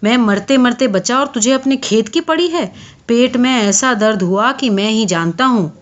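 Here a woman puts on a weary peasant farmer in a spoken story, a man worn down by cold and work. He grumbles low and only raises his voice to shout. The audio is dull and lo-fi. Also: expressive, natural voice. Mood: grumbling. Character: worn-out poor male farmer on a cold night.

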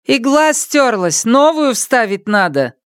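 A brazen, mocking young village woman taunts in a high, raised voice, as a man reading aloud puts her on. The pitch swoops in a lively way and the recording is close and dry, as in a storybook audiobook. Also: slow pace, clean tone, dry recording, full character voice. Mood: scornful. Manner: taunting and coaxing.

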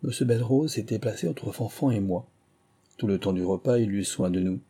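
Low, husky male audiobook narrator. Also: warm tone. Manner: measured, storytelling. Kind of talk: scripted narration of memoirs.

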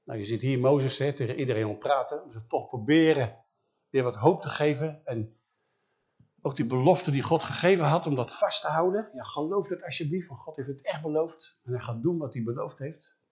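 A man's voice: mid-range voice, moderate pace, darkish tone. Man retelling a Bible story. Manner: conversational, with questions to the listener and tag words.

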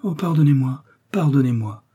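A man's voice: medium pitch, a little fast, mellow, husky, natural voice. A man voicing an eager young novice. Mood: pleading. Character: earnest, trusting young woman, a novice in a convent.

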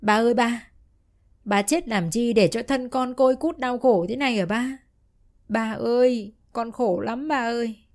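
A woman's voice: on the high side, a little slow, a little mellow, pitched above the performer's own voice. A woman voicing a mistreated young woman, crying as she calls out. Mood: sobbing grief.

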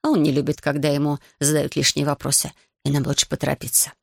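A woman's voice: sits low, completely flat delivery, quick pace, vocal fry, dry recording, clean studio sound. A woman voicing a subdued, evasive housekeeper in an audiobook, who mutters her words. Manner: muttered, avoids eye contact.

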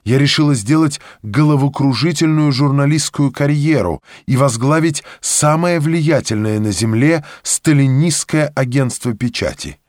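A man's voice: medium pitch, unhurried, hardly any pauses, a little mellow, dry recording, clean studio sound, voice pushed up, natural voice. A man reading a story, voicing a proud, passionate young woman in a fervent, declamatory way.

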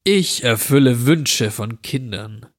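In a horror story reading, a man voices a dirty, menacing stranger who grants children's wishes, using a slow, mocking drawl. His voice is mid-range with lively intonation.

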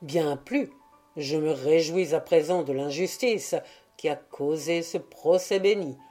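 A woman's voice: low voice, a little slow, warm tone, faint music behind. A woman reading a fussy, squeamish newlywed husband. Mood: overjoyed. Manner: anguished, groaning outbursts.

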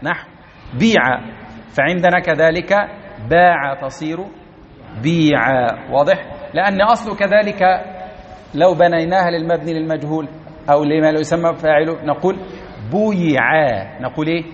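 Male teacher, higher voice, repeats and checks the class, dull lo-fi tape. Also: normal speed, long pauses. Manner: explains step by step, repeats key words, keeps checking the class understands. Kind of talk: classroom grammar lesson. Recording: dull lo-fi recording.

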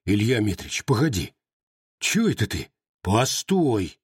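Guy doing a scared soldier begging, husky voice, dry. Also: on the low side, sing-song, slow, dry recording, heavily acted. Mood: pleading. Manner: anxious, pleading. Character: frightened plain male soldier, pleading. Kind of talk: audiobook character voice.

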